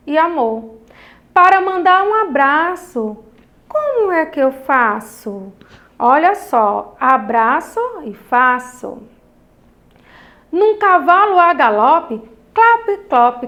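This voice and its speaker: A woman teaching a children's class, with a sing-song teacherly way of stretching out the lines of verse as she reads them. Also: high-pitched. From Brazil. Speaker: primary school teacher.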